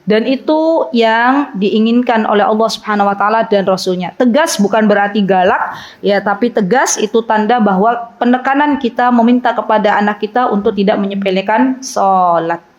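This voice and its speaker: A woman giving a casual, chatty Islamic lecture to a women's study circle, acting out soft and firm voices. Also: mid-range voice, normal speed, lo-fi sound. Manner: lively, chatty, laughs with audience, acts out soft and firm voices.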